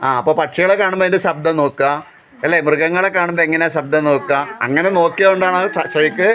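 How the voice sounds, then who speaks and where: This mid-range, smooth, slightly bright voice belongs to a fast-talking teacher on a school trip. Standing outside a house among children, the teacher questions the group, repeating each question to prompt replies while kids chatter in the background.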